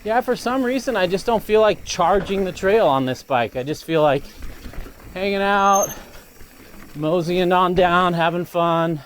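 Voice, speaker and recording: A man's voice: high-pitched, measured pace, slight background noise. A man reviewing a mountain bike aloud while riding it on a desert trail, enthusiastic and now and then a little winded. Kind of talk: riding commentary.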